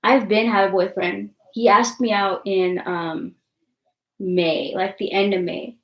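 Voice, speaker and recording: A woman's voice: medium pitch, steady tone, takes it slowly, fairly bright tone. A young woman talks straight to her viewers in a loose, rambling live-stream chat, full of likes and ums. She is blunt and defiant and swears without a second thought. Her voice sits in a roomy, echoing space. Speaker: vlogger.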